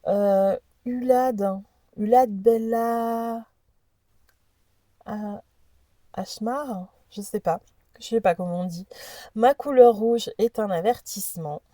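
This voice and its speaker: Slow, mellow-voiced woman reading oracle cards. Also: mid-range voice, no echo. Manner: hesitant, stumbling over unfamiliar names. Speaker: host presenting an oracle deck. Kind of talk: casual chat, reading card messages aloud.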